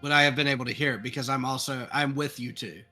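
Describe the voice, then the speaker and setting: Bright eager man at a tabletop game. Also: medium pitch, steady tone, fast talker, soft background music. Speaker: player.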